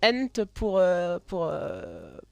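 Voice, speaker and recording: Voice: mid-range voice, huge pitch swings, drawn-out words, vocal fry, a little mellow, clear, resonant tone, dry recording. A live streamer chatting casually while playing a game, hesitant, with many fillers and restarts, and laughing often.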